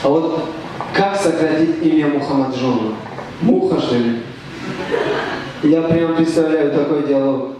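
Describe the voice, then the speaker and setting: On a club stage, a young Tajik comedian performs a deadpan stand-up set, halting with fillers and restarts. His voice is a little high and captured by a distant mic, so the room sounds echoey with faint noise.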